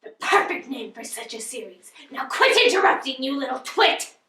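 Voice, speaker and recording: Miss Havisham-style misery: a scornful old woman who hisses and whispers her contempt, as voiced by a woman. Her voice is bright and cutting. The echoey room and the distance from the mic make it sound like a school-stage sketch. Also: a little high, animated, a little slow, heavily acted. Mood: snappish. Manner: theatrical, scornful. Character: bitter old jilted spinster woman, gloomy and cruel.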